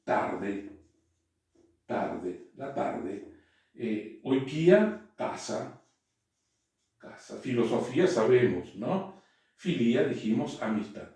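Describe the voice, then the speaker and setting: A man giving a classroom lecture, halting, with frequent "eh" and checks that students follow. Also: mid-range voice, warm tone. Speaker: teacher. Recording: echoey room, voice from far off.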